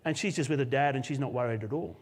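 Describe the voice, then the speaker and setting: Australian pastor telling a story in a hall. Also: male voice, mid-range voice, fast. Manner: animated storyteller, laughs often. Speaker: senior pastor. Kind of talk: sermon storytelling. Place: church auditorium, live service. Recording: long hall reverb.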